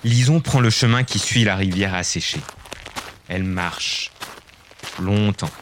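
A man reading a children's story aloud, clear and expressive. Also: deep voice, a little slow, slight background noise.

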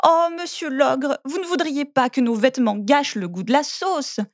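A woman's voice: high-pitched, normal speed, no room sound, studio quality, lightly acted. A woman doing a tiny, brave little girl. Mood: pleading. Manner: pleading, urgent. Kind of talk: storybook reading.

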